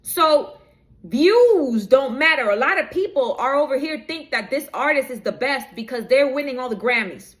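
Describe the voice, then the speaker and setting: A woman's voice: high voice, animated, moderate pace, a bit bright. A woman giving a preachy spiritual reading straight to her viewers, rambling and losing track of her notes as she goes. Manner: preachy, direct address to viewers; rambling, loses her notes mid-talk. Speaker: spiritual reader. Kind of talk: inspirational reading to camera.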